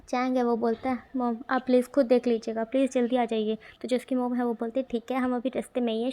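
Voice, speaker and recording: Flat-voiced young woman retelling a story. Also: on the high side. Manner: plain, even narration with quoted dialogue read flatly.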